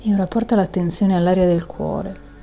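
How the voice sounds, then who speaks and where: A woman leading a guided breathing meditation in a soft, soothing and calming manner, with long audible exhales. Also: fairly low pitch, moderate pace, gravelly, faint music behind.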